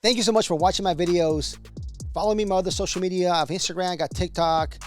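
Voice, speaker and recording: Over soft background music, a middle-aged man speaks quickly in a high, steady voice as a video host offering casual motivational advice. He keeps a conversational manner, often seeking agreement with brief check questions.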